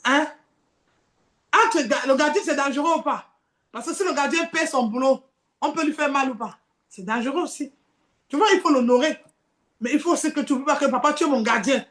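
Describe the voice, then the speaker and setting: A woman's voice: high voice, brisk, long pauses, fairly bright tone, reverberant. A woman preaching a sermon, acting out the tempting voices in dialogue.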